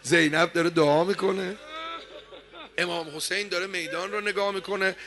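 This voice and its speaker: A man preaching a sermon, telling a story dramatically and swinging from hushed tones to loud declaiming. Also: high-pitched, fairly even intonation.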